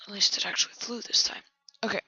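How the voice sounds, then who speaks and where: A man quietly commenting on his own game build, often half-whispering to himself. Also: fast talker, no room sound, muffled recording. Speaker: channel host building in a video game.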